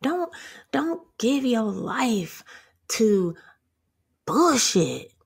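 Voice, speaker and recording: A woman's voice: a little high, big pitch swings, drawn-out words, gravelly, breathy edge. A woman giving a motivational rant on her vlog. She is brash and profane and laughs often. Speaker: vlogger.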